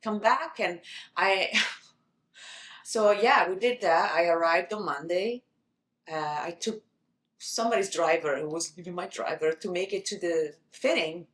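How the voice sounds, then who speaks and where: A woman from Italy with an Italian accent, a guest telling lively stories and acting out what people said, laughing often. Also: fairly low pitch, unhurried. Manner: animated, acts out quoted dialogue, laughs often. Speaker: guest, actress and model. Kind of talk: casual interview storytelling. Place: podcast studio. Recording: roomy echo.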